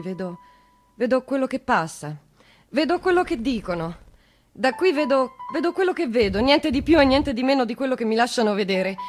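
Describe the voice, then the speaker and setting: With a slightly high, lightly acted voice, an actress performs a stage monologue as a tormented woman with no way out. She speaks with a Roman accent, in broken, repetitive phrases that swing between whispers and shouts.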